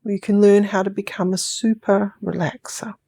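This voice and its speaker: This New Zealand-accented woman leads listeners into sleep hypnosis with unhurried, calming, elongated lines, occasionally sinking to a whisper. She holds a medium pitch and a steady tone, and her voice sounds gravelly and dark.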